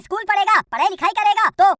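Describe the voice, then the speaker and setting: A voice actor playing a bossy, short-tempered cartoon father who keeps scolding his son, in a high squeaky voice. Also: quick pace, background noise. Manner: scolds loudly, repeats "हैं?" and "चुप". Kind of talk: comic cartoon dubbing.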